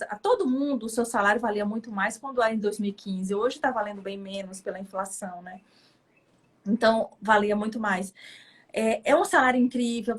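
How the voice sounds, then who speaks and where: A middle-aged woman from Brazil, a judge, telling her story in a casual, emotional interview. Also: medium pitch.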